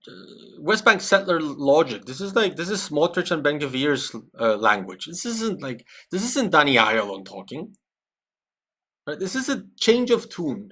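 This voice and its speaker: A Peruvian man with a sharp-toned voice on the high side reacts to a video on a live stream with chat. His commentary is conversational and analytical, and he often checks in with "right?".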